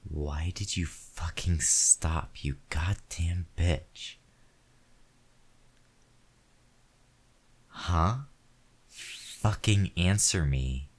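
In a one-sided audio roleplay, a man voices a crude, hot-tempered character with a low, heavy voice and slow, deliberate delivery. He snarls and curses through almost every line in a furious mood, though his bluster sometimes collapses into frightened pleading. The performance is heavily acted.

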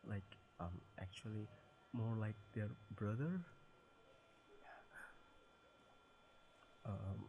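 A man acts out a bashful young guy in a romantic audio drama, his voice on the low side and set against clear background noise. He talks slowly and haltingly, tripping over his words with nervous, smitten awkwardness. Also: a little mellow, low-quality recording. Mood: flustered, bashful. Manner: stammering, halting, nervous, apologetic. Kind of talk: romantic audio role-play.

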